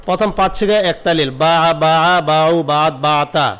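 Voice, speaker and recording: A man teaching an online Arabic grammar lesson, asking his own questions and answering them, repeating word forms slowly. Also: fairly high pitch, a bit bright, clean tone.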